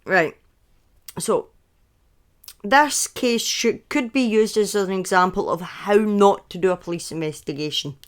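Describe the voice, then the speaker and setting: Her voice is mid-range and unhurried. She's a woman in her thirties with a Scottish accent, casually recounting true crime cases on a live stream, frequently breaking off for chatty tangents and self-corrections.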